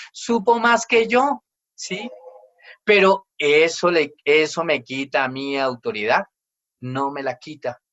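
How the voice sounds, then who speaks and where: A man's voice: on the high side, a bit bright, highs cut off. Emphatic male pastor preaching. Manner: emphatic, acts out children's complaints in quoted voices. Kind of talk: sermon.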